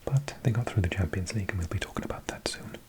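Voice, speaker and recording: A Welsh ASMR host in his forties, from Wales, reads a list of results slowly in a gentle whisper, dropping in chatty remarks. His voice sits low.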